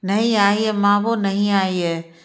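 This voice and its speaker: A woman's voice: medium pitch, steady tone, unhurried, natural voice. A woman voicing a desperate young man in a spoken Hindi storybook, pleading with repeated questions. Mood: disbelieving.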